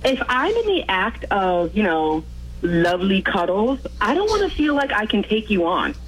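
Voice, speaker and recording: A woman's voice: medium pitch, very animated, normal speed, slight background noise, rough recording. Confident woman calling into radio. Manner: confident, emphatic explaining. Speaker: radio caller. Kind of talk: call-in radio chat.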